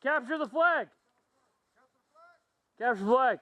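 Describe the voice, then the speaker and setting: A man filming an airsoft game on an old camcorder outdoors, shouting calls and plans to his teammates. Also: very high-pitched, animated, slow, dry recording. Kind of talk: excited play-by-play while filming. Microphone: handheld camcorder mic.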